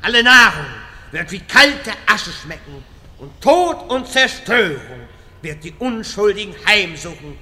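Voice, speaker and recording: Guy doing a pompous rambling wizard, high very sharp voice, slow, fantasy comedy. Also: big pitch swings, heavily acted. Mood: grandiose doom. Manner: pompous, long-winded. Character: rambling pompous male wizard obsessed with portals. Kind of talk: scripted fantasy comedy dub.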